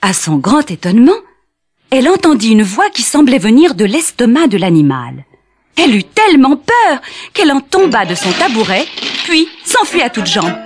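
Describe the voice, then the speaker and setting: A woman narrating a children's fairy tale expressively. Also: on the high side. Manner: slow, expressive, lively. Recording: cassette with soft music behind.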